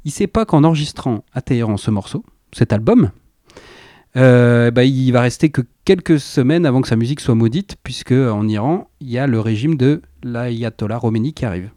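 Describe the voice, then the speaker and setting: A male radio host introduces records in a loose, chatty way, tossing in slang and little laughs as he goes. His voice is mellow and warm, sitting at a middle pitch. The sound is close and dry, with no room around it. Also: animated, moderate pace, dry recording. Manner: chatty and enthusiastic, with laughing asides and slangy phrasing. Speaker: radio music show host. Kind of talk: casual chat presenting records.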